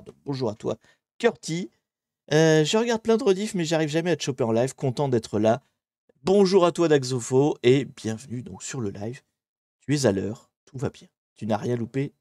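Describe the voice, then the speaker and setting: A French-accented man chats easily with his live stream viewers and wanders through his thoughts with plenty of "euh"s and restarts. His voice sits at an ordinary middle pitch, and the sound is close and dry, with no room around it. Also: no echo. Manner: relaxed, rambling with frequent fillers and self-corrections. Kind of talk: casual live-stream chat.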